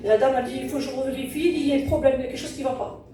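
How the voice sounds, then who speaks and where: A woman's voice: high-pitched, steady tone, very fast, background noise. Woman, church testimony, earnest repetitive retelling, far from the mic, heavy hall echo. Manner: earnest retelling, constantly repeating "I said" and "he said". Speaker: church member giving testimony. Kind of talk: spoken testimony at a church service. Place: church hall during a service. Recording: very echoey hall, distant mic, music behind.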